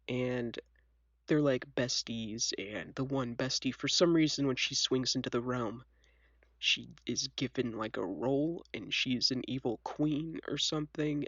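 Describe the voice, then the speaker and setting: A young video host with a sniffly cold tells casual, self-deprecating stories in a rumbling low voice that is scratchy, congested, and fairly bright. The recording is dry and lo-fi.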